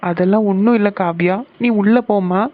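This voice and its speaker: Woman as a gentle persuading cartoon aunt, mid pitch, dull lo-fi sound. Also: brisk, dry recording, lightly acted. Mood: coaxing. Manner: coaxing, explaining. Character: caring middle-aged aunt bringing a match. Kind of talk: cartoon family serial voice acting.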